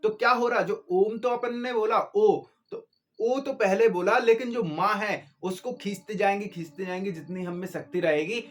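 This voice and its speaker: Man, grammar teacher, high-pitched, lecture style, asks then answers, repeats terms. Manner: asks questions and answers them himself, repeats key terms; drawn-out syllables to demonstrate vowel length.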